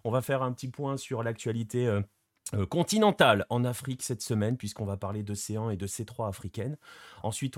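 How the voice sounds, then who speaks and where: A man's voice: mid-range voice, no room sound, clean studio sound. A man hosting a casual football show, rambling with many fillers and still with a sore throat after an illness. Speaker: host.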